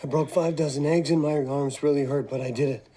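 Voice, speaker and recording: An actor playing a hapless but determined middle-aged dad in a family sitcom, hesitant and self-justifying. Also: male voice, a little high, fairly even intonation, fairly quick, mellow, a little hiss or hum, lightly acted. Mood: weary, sincere. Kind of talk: sitcom acting.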